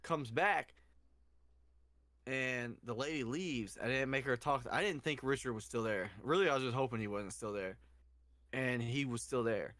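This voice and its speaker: A young man co-hosting a casual podcast, telling animated stories and cussing freely. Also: mid-range voice, moderate pace, dry recording. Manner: animated storyteller, cusses freely, acts out quotes. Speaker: podcast co-host. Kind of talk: casual drunken storytelling chat.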